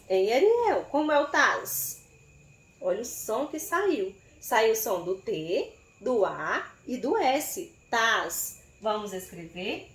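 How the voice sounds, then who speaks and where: Slow, patient Brazilian woman teacher. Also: medium pitch. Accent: Brazilian Portuguese. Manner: slow, syllable-by-syllable spelling with questions to pupils by name. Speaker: primary school teacher. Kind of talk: recorded remote writing lesson for young children. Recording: echoey room.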